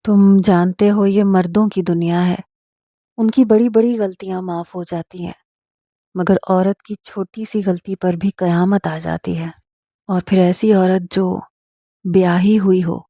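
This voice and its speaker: A woman reading the part of a shy, anxious married noblewoman, speaking softly and teasingly. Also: fairly low pitch, fairly even intonation, dry recording, studio quality. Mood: worried. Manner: soft, hushed and teasing. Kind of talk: dramatic audiobook reading.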